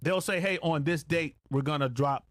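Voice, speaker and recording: A retired air traffic controller, middle-aged, chats casually as a podcast guest, using slang and repeating phrases for emphasis. His voice is a little high and moves at normal speed in a dry recording.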